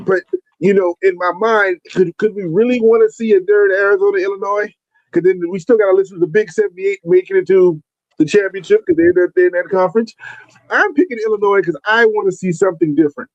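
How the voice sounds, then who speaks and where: Talking sports on a podcast he co-hosts, a man in his forties rambles in a relaxed, casual way. His voice sits high, and the recording is dry, with a dull lo-fi quality.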